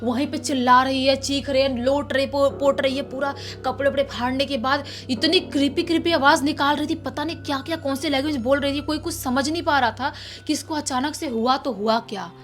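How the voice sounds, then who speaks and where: High-voiced woman telling a horror tale. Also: brisk, hardly any pauses. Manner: chatty, repetitive, animated retelling. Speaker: storyteller. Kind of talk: casual spoken horror story. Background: faint background music.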